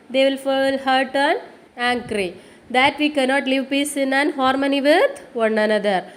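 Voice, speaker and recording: A woman teacher giving a recorded lesson to children, explaining slowly, asking questions and answering them, and spelling words out letter by letter. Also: sits high, poor audio. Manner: addresses children directly, asks questions and answers them herself. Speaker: school teacher.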